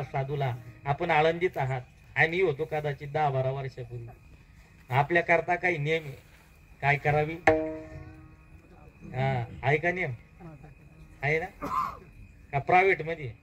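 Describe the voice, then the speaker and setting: Animated Marathi kirtan preacher, man. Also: poor audio. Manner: call-and-response questions, dramatic rises in pitch and volume. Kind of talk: devotional storytelling sermon.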